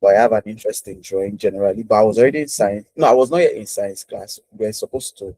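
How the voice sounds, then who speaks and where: A man's voice: fairly low pitch, fast talker, dark tone, no room sound, rough recording. A man hosting a casual interview over a video call, chatty and repeating himself with many fillers. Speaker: host.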